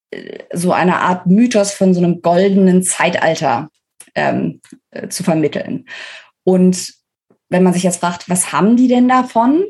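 A book author appears as a guest on a podcast, giving articulate, explanatory answers and stressing key words. Her voice is lowish, darkish, and husky.

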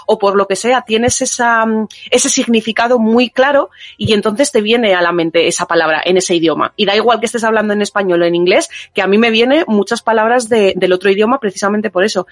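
A woman's voice: mid-range voice, dry recording, clean studio sound. A woman from Spain, raising a bilingual family, explaining her ideas at length in a casual chat.

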